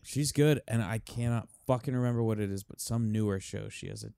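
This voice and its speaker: A man's voice: on the low side, brisk, gravelly, mellow, clean tone, dry recording. A man chatting casually about a film, swearing often and laughing. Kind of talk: casual chat.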